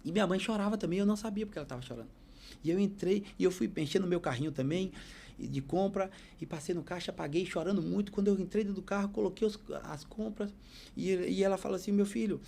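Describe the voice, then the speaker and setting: A man tells his life story on a podcast, earnest and preacherly. His voice sits a little high but sounds dark and mellow. A faint hiss of background noise runs under it. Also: fast, gravelly. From Bahia, Brazil. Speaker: podcast guest. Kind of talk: storytelling testimony.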